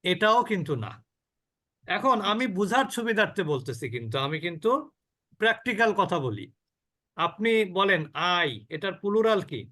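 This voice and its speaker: A man with a high voice leads an online recitation class. He draws out syllables slowly to demonstrate them and keeps asking the students questions. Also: very animated, sharp tone. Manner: slow drawn-out demonstrations of sounds, asks the class questions. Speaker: Quran recitation teacher.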